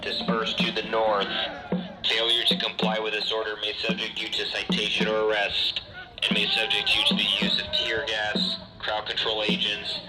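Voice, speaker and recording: Officer on a sound cannon loudspeaker, man, lowish voice, firm measured commands, echoing street, loud music over it. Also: completely flat delivery. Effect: blasted through a loudspeaker sound cannon. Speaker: police officer giving dispersal orders. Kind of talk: repeated official riot warning. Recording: echoey loudspeaker blast outdoors, street.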